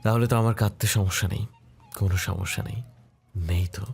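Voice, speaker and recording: A man's voice: fairly low pitch, fairly even intonation, brisk, creaky, darkish tone, slightly rough, heavily acted. A man voicing a young doctor husband in a romantic audio story, speaking tenderly. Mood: brooding. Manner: tender, then anguished and tearful.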